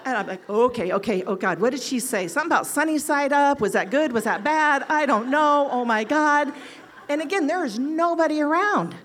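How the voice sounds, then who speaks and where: Lively older nurse telling a story. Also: female voice, fairly quick, slight background noise. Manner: animated, acts out quoted lines with jumps in pitch and loudness. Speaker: oncology nurse. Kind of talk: storytelling to an audience.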